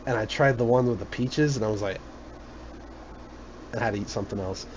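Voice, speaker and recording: A man's voice: on the low side, fairly quick. A man hosting a casual podcast chat, rambling and joking and laughing often. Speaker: podcast host. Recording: muffled lo-fi recording with faint noise.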